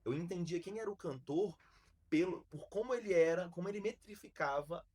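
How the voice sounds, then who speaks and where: Husky Brazilian man telling a story. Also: high-pitched, fairly quick. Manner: animated, slangy, many restarts. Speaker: podcast host. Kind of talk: casual storytelling chat.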